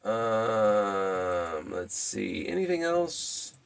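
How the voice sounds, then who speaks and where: A man with a fairly low, gravelly yet smooth voice gives a casual spoken movie review off the cuff. He rambles, restarts sentences and fills pauses with ums, and his enthusiasm shows in lively jumps in pitch.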